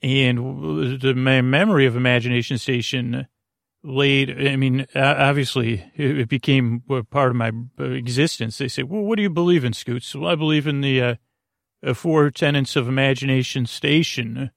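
A podcast host with a creaky, mid-range voice rambles through a bedtime monologue, meandering, halting, and interrupting himself as he drifts along. The recording is dry and of studio quality.

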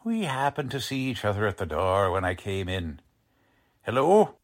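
In a 1940s radio drama style, a man plays a cocky, folksy police lieutenant who talks in slangy, ungrammatical tough-guy speech. His voice sits on the low side with big pitch swings at a normal speed. He sounds businesslike and grave.

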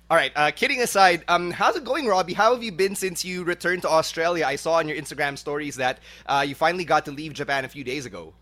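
A man's voice: a little high, a little fast, bright, forceful tone. A man, hosting a casual podcast interview. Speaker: podcast host.

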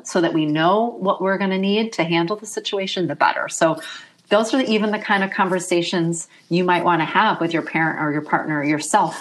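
Middle-aged woman guest, deep-set low voice, gentle and reflective, emotion close to the surface. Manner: soft-spoken, reflective, emotional. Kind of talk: reflective interview conversation.

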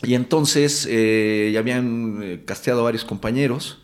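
A man's voice: mid-range voice, moderate pace. A man from Mexico City with a Mexican Spanish accent, telling a story in a casual interview and acting out the voices of the people in it. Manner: animated, acts out quotes, swears casually. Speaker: actor guest.

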